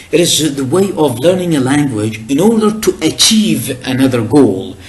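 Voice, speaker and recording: In this recorded lecture, a man whose mother tongue is Arabic speaks at a medium pitch. His delivery is careful and explanatory, broken up by frequent hesitations and false starts.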